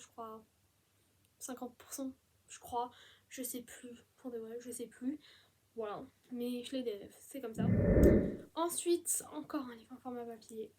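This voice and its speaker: A young woman chatting casually about the books she read, gushing with enthusiasm and filling pauses with "euh". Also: a little high, a little mellow, slightly rough. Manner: enthusiastic, gushing, many fillers. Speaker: book vlogger. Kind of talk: casual book review chat.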